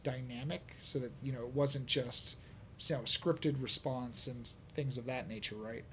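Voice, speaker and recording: A man of middle pitch talking loosely on a gaming show, stringing thoughts together with lots of fillers. His tone is easygoing and he laughs freely. A faint noise hums behind him. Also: steady tone, moderate pace, fairly bright tone. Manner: rambling, many fillers, laughs often. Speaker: podcast host. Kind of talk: casual chat.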